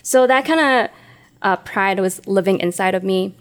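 Woman, smooth clear voice, reflective, hesitant storytelling. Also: medium pitch, normal speed. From Hong Kong. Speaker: podcast co-host. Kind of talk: casual podcast storytelling.

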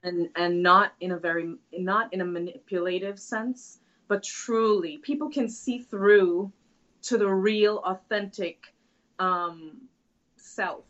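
A woman from Trinidad and Tobago answers interview questions as a guest, earnest and reflective, hesitating often. Her mid-range voice is fairly bright and she takes her time. The recording sounds dull and lo-fi.

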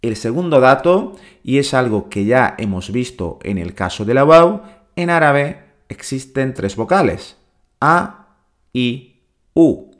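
A man gives a podcast lesson at an unhurried, deliberate pace. He speaks patiently and says each sound again and again so listeners can follow. His voice sits at an ordinary middle pitch. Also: big pitch swings. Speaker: Arabic teacher.

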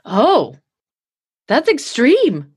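A woman interviewer asking questions and reacting in lively conversation. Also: sits high, very slow, dry recording, studio quality.

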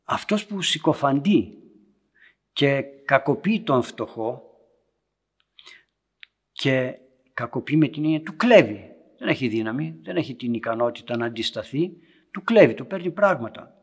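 Priest for a parish homily: husky male voice, storytelling, swings from loud to hushed. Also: mid-range voice, expressive, long pauses. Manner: storytelling, loudness rising and dropping to near whispers. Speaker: Orthodox priest. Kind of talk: homily to young parents. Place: church meeting room.

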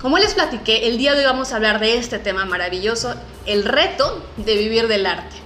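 A Mexican woman hosts a podcast in a chatty, emphatic style. Her voice is bright and forceful and a bit high. It rings in an echoey room. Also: expressive, fairly quick. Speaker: podcast host. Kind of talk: upbeat presenting and interviewing.

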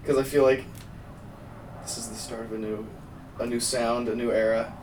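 An easygoing young man co-hosting a casual podcast who laughs often. His voice is mid-pitched. The room is echoey and he sits away from the mic. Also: level tone, normal speed, darkish tone, a little hiss or hum. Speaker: podcast co-host. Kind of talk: casual chat. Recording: roomy sound, mic at a distance.

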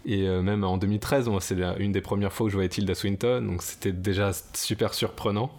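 A man's voice: fairly low pitch, fairly even intonation, a little fast, darkish tone. A man talking casually on a podcast, thoughtful and hesitant with many fillers. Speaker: podcast co-host. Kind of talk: casual discussion.

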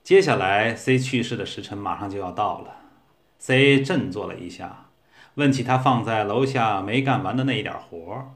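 A man narrating a humorous short story in a steady, measured reading. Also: lowish voice.

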